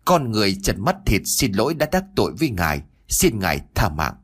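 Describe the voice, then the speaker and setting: A man's voice: lowish voice, big pitch swings, brisk, husky. A man voicing a wicked old male sorcerer who mocks and sneers at his enemies. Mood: begging. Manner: mocking, sneering.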